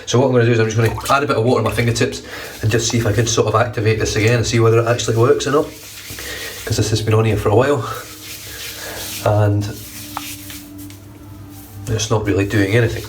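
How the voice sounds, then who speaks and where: This shaving vlogger, a man in his thirties, has a lowish voice that's blocked and nasal, and he talks fast in a relaxed, chatty way, swearing casually as he walks through his shave. He's recording on his phone's front camera at arm's length in a small, bright home bathroom. The audio is rough, with him far from the mic and slight noise behind him.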